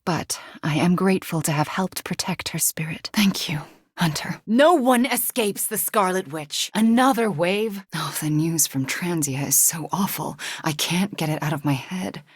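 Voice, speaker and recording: Casting: young witch hero, video game. Lowish, husky, breathy, earnest and determined, haunted by guilt; bone-dry studio sound. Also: moderate pace, no room sound. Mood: fierce, commanding. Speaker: voice actor. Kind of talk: video game character voice lines.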